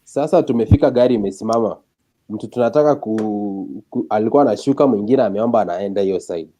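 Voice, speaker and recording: A man's voice: fairly low pitch, fast, warm tone. A man with a Kenyan accent chatting casually and telling stories, switching between Swahili and English. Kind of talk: casual chat, storytelling.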